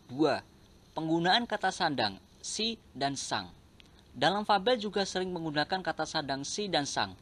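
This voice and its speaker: A man reading out a grammar lesson in an even, list-like way. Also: a little high, moderate pace. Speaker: teacher.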